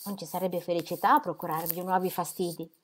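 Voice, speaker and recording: A woman voicing a sharp-witted, affectionate young woman who teases and speaks warmly, in an audiobook reading. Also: fairly low pitch, steady tone, fast talker, a little hiss or hum, natural voice. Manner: teasing, affectionate.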